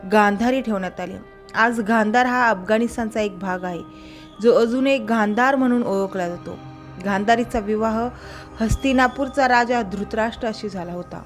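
A woman telling a traditional story in a casual, conversational way, now and then correcting small slips as she goes. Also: a little high.

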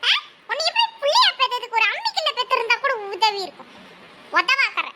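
A woman doing a shrill scolding cartoon mother. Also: very animated, brisk, bright, forceful tone, a little hiss or hum, heavily acted. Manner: scolding, dramatic complaining. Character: scolding village mother, loud and exasperated. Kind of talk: cartoon dialogue.

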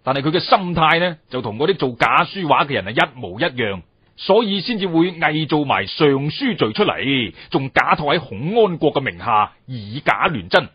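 A husky male pingshu storyteller with a Cantonese accent, pitched a little high and swinging widely in tone. He narrates history expressively, with drawn-out phrases and chatty asides. The recording is dry and somewhat dull, like lo-fi radio. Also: sing-song, no room sound.

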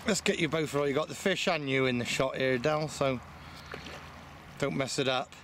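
A man's voice: medium pitch, unhurried. A man filming his fishing friend at a lake, joking and swearing in casual banter. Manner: joking, teasing, swears freely. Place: lakeside outdoors. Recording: outdoor ambience and water noise.

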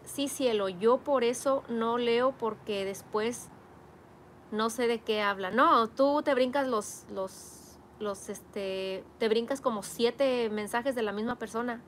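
A woman chats casually through a live stream, reading comments aloud and playfully teasing her viewers. Her voice sits a little high. Faint ambient sound hums behind her. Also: slow, a little hiss or hum. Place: home garden workspace.

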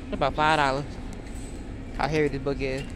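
In a very deep, level voice, a woman chats fairly quickly as she shops and films a casual family vlog. She hesitates often and says um a lot, and the phone recording is noisy.

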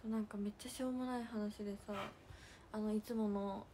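A young woman with a hosting a casual livestream. She chats and giggles, reads out fan comments, and drops to soft near-whispers to thank viewers. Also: mid-range voice, steady tone, brisk, background noise. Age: young adult. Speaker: idol livestream host.

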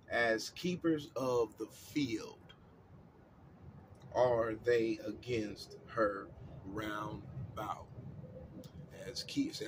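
A man from the United States hosts a discussion show, casually talking about scripture and history in a loose, repetitive monologue with refrains like "come on in, man." He grows loud and emphatic when telling history. His voice is lowish, and there is background noise.

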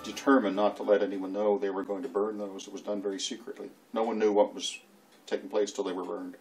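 A man's voice: on the low side, flat delivery, fast talker, a little mellow, soft background music, rough recording. A Canadian man giving casual commentary with a wry, anecdotal storytelling manner.

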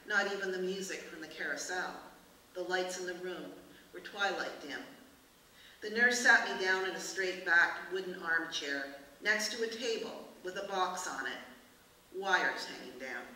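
A woman's voice: lowish voice, pushed and bright. Woman reading her novel in an echoey hall. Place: book festival reading room. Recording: echoey room from far off, hiss.

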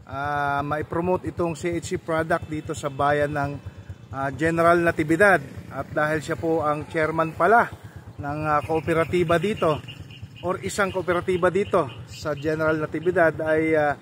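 A man hosting a farming vlog, chatting casually as he walks viewers through farm equipment and often checks in with a quick question tag. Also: a little high, a bit bright, slight background noise. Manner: chatty, explains step by step, often tags "no?". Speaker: farming vlogger and host. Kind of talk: casual walk-through commentary.

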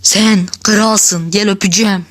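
A woman gives casual commentary over a block-building game, chatty and quick to laugh. She talks straight to her viewers at a middle pitch, jumping between excitement and playful grumbling. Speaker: gaming channel host.

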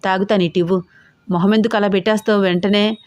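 Woman voicing a brisk teasing young boss. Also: medium pitch, steady tone, a little mellow, no room sound, close to an everyday voice. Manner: curt, teasing replies.

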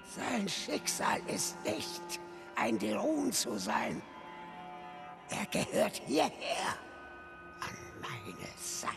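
An actor playing a sinister, grandiose old high clergyman in a video game, with a gravelly, theatrical, menacing delivery. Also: wildly swooping pitch, exaggerated voice. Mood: quietly menacing. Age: older. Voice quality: gravelly, breathy at times. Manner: menacing, theatrical, slow and deliberate. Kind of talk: dramatic video game acting. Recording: loud dramatic music behind.

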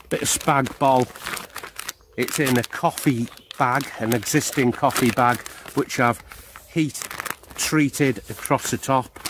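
Man in his fifties, slow measured talk, chatty gear demo, outdoors in woodland, faint background noise. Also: medium pitch. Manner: chatty, explanatory, unhurried. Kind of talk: casual product demonstration. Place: woodland outdoors beside a hammock. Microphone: handheld camera close up.

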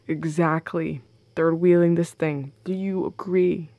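In an intimate audio roleplay, a woman plays a playful, affectionate goth girlfriend, teasing and tender with soft breathiness. Her lowish voice sits close on a dry mic with no room sound, and the audio is dull.

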